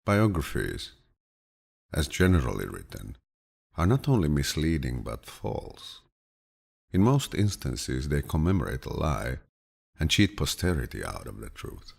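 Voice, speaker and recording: In this clip a man reads a collection of quotations for an audiobook, taking his time. He sounds grandfatherly, calm and soothing, with a deep, husky, low tone throughout his scripted reading.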